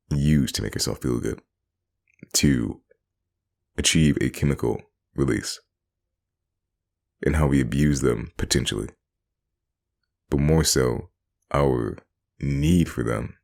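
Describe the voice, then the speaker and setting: A man's voice: very deep voice, vocal fry. A man giving a rambling, casual monologue, often repeating himself and laughing between phrases. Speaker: vlogger.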